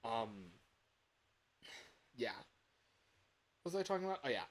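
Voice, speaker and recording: An amateur game developer chats casually on a livestream in a voice of average male pitch, with lively intonation and an unhurried pace. He rambles loosely and unscripted, often repeating a phrase before moving on. A slight hiss or hum is audible.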